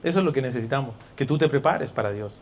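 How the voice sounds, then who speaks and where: A man preaching a sermon in church, moving between soft, intimate asides and loud, shouted exhortation, calling his listeners brother and dear one. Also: mid-range voice, expressive, fast. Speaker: pastor.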